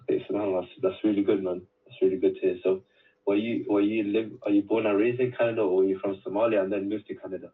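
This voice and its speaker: A man on a sales call asking friendly questions in a quick, even way. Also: on the low side. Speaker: sales setter on a phone call. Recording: distant tinny phone-call recording.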